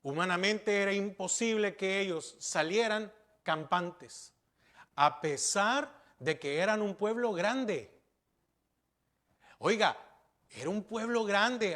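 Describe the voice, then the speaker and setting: A man's voice: high-pitched, fairly bright tone. A man pastor preaching a sermon, asking rhetorical questions and repeating key words for emphasis.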